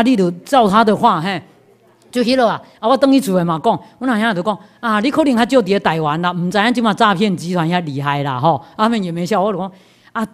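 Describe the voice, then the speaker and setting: A woman with a Taiwanese accent delivers a Buddhist talk as a lively personal anecdote. Her voice sits in a middle range, and she keeps turning to the listeners with quick asides, laughing and repeating herself as she goes. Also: mid-range voice. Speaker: Buddhist lecturer. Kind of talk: storytelling sermon.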